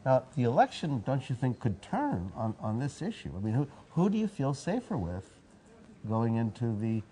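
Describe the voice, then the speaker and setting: A man's voice: mid-range voice, very animated, normal speed, dark tone. A man co-hosting a casual political chat from a newsroom, asking wry, teasing questions. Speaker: newspaper political reporter co-hosting.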